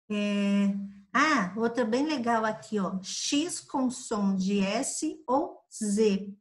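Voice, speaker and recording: Slow, patient Brazilian schoolteacher woman. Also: a little high. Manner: patient, spells out examples slowly for children. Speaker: teacher. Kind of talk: grade-school lesson review.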